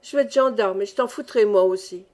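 A woman's voice: medium pitch, a little fast, darkish tone, lightly acted. A woman reading aloud, voicing a little village boy who whines and protests. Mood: whiny. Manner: whining, protesting. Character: whiny little boy Boulot, sulking.

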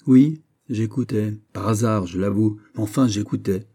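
Brief: man reading as a sulky jealous young prince, whiny and shrill when pushed, storybook, dark husky voice. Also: moderate pace, lightly acted. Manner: whining, sulky, rising to shrill outbursts.

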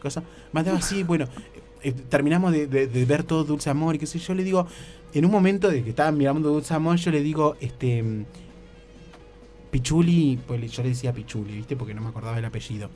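Soft music plays behind a man whose darkish voice sits on the high side and moves briskly. Hosting radio comedy in a Rioplatense Argentine Spanish accent, he spins a funny story, slipping into exaggerated voices and asking "¿viste?" again and again.

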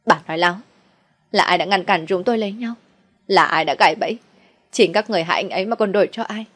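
A woman's voice: on the low side, steady tone, brisk, lightly acted. A woman doing a fierce young woman. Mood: defiant. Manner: pleading then defiant outbursts.

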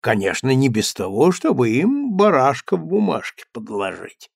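A man's voice: mid-range voice, sing-song, normal speed, creaky, breathy edge, no echo, studio quality, heavily acted. A man voicing a shrewd, greedy old male official who bargains hard, in an audiobook. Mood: sly. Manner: wily, bargaining. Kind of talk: audiobook character reading.

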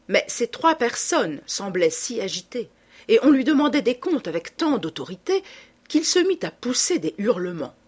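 Expressive woman narrating a classic novel. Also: fairly high pitch, moderate pace, breathy edge. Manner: expressive, dramatic reading. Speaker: audiobook narrator. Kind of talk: storybook narration.

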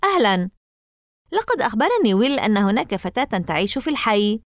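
A woman's voice: a little high, big pitch swings, fairly quick, no echo, studio quality. A woman reading aloud and voicing a shy, hesitant new boy in an audiobook. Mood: unsure. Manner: hesitant, shrugging. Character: shy, unsure new boy of about twelve.

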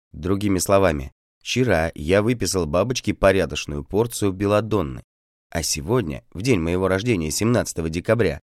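A male audiobook narrator with a very low, deep voice, telling a first-person story in a measured and deliberate way. The recording is close and completely dry, with no room sound at all. His pacing stays even and unhurried. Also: no room sound. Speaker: audiobook reader.

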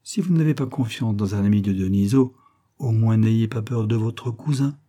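A man reading the part of a gentle, hesitant young woman in an audiobook. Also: fairly low pitch, normal speed, natural voice.

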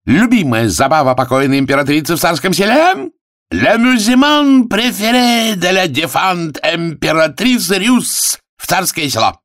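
A loud, showy barker calls out cockroach races, as a man reads him aloud from a play. His voice rides high above the reader's own and stretches every word in slow, booming cries. The sound is dry and close. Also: lively intonation, dry recording, heavily acted. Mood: grandly announcing. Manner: grand barker's cries in mixed languages.

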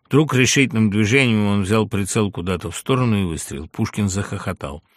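A man narrating a novel aloud in an expressive, animated reading. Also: lowish voice, fairly quick, dry recording, studio quality.

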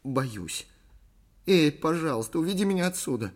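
A man's voice: on the high side, big pitch swings, moderate pace, a little mellow, husky, voice pushed up. A man doing a whimpering frightened young actress. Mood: pleading. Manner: whimpering, pleading.

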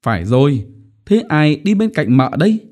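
A man's voice: fairly high pitch, sing-song, moderate pace, a little mellow, voice pushed up. A man voicing a jovial middle-aged clerk in a storybook who quizzes a child in a teasing way.

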